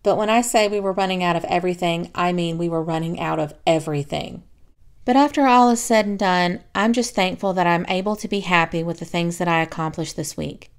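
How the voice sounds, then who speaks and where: A woman vlogger giving a reflective voiceover about her week, soft, confiding and unhurried. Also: fairly low pitch, smooth. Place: home, recorded as a voiceover.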